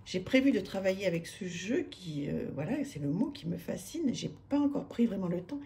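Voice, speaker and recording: Femme à l'français, voix mate et éraillée, parle en hésitant, léger bruit de fond. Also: female voice, mid-range voice, animated, normal speed, warm tone, a little hiss or hum. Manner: hesitant, many fillers and restarts, enthusiastic. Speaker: tarot reader presenting her decks. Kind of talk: casual chat to camera. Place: home room with street noise outside.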